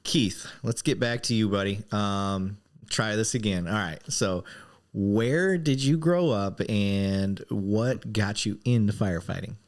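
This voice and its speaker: A man's voice: on the low side, unhurried. A man hosting a podcast in an informal, joking, self-deprecating way. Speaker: podcast host. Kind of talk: casual chat, informal hosting.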